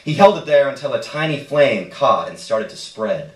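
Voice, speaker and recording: His voice is medium-pitched and animated, moving at a normal speed as he reads a short story aloud as narration. It's a live reading on an indoor stage in a roomy space, captured in an echoey room from a distant microphone.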